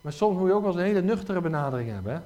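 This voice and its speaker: A middle-aged man preaching a lively sermon, often asking his listeners rhetorical questions. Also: sits high, rapid-fire. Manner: animated, frequent rhetorical questions.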